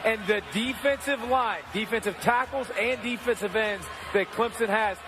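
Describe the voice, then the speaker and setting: Very high-voiced man shouting sports commentary. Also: moderate pace, crowd noise, noisy background. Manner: raised, shouting delivery. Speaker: sports reporter. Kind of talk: live on-location sports commentary.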